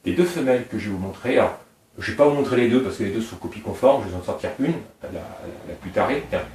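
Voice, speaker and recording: Recorded from a distance in a roomy space, this middle-aged Réunion Island man speaks quickly and animatedly in a low, slightly mellow voice. He breeds snakes and rambles informally about them, wandering off topic and stacking up details.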